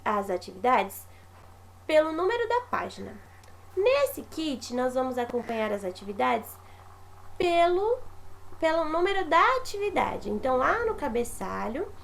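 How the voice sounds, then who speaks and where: A woman teacher, patiently walking young pupils through a remote lesson step by step with lively examples. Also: sits high, creaky, a little hiss or hum.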